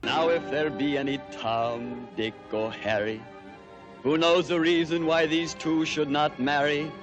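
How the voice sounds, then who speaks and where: A man playing a solemn insect officiant in a vintage animated film, formal and declamatory. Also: a little high, unhurried, dull audio, over music, close to an everyday voice.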